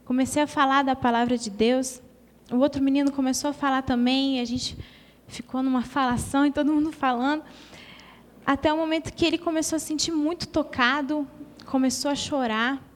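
A woman's voice: sits high, fairly even intonation, fairly quick. A Brazilian woman giving an earnest, emotional testimony in a church hall. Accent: Brazilian Portuguese.

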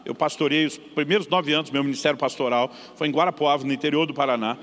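A pastor preaches a story-driven sermon. He talks quickly, with a slightly raised voice, and brings the dialogue in his story to life. A long hall reverb trails behind each phrase. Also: on the high side. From São Paulo state, Brazil. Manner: lively storyteller acting out dialogue.

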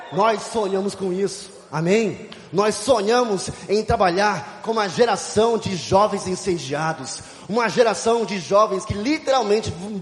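A man preaching a youth conference sermon, telling stories with shouts and laughter. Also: high voice. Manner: animated storytelling, shouting and laughing. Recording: echoey hall.

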